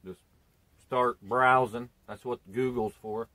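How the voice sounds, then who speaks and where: This casual chat comes from a homesteading vlogger in his thirties, seated outside on a sunny porch with a tripod-mounted camera a few feet away. He rambles in a relaxed, plain country manner. His mid-range voice is slow, steady and sharp, with no room sound.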